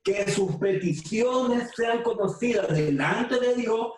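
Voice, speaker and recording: Nicaraguan woman preacher, high and fervent, distant mic in a big echoey room. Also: animated, darkish tone. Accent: Nicaraguan Spanish. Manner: fervent, repeats words, stresses key phrases slowly. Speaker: women's ministry speaker. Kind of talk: preaching talk. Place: room with phones streaming.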